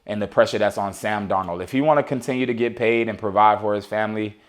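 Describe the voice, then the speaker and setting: A man co-hosts a laid-back sports talk show, riffing loosely with many restarts and fillers. He breaks into playful, excited outbursts mid-thought. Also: on the low side, fast. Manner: animated, talks over his co-host with playful outbursts. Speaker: podcast co-host. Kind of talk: casual sports chat.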